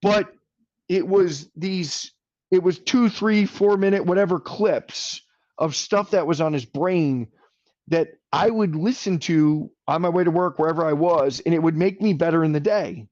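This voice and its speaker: A man's voice: on the high side, unhurried, a little mellow, dry recording, muffled recording. A man speaking as a podcast guest in casual conversation, earnest and enthusiastic, rambling a little as he talks.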